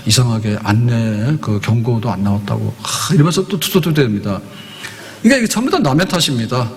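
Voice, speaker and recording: A middle-aged male pastor preaching a sermon, animated and conversational, acting out the voices in the stories he tells. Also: mid-range voice. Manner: breaks into slow hymn singing. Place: church sanctuary. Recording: long church hall reverb.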